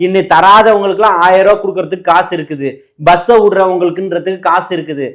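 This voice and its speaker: A man jabs and mocks his way through a heated political debate. His voice sits a bit high, and he fires off quick lines while cutting in on the other side. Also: steady tone, fairly bright tone. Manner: mocking, rapid-fire, interrupting.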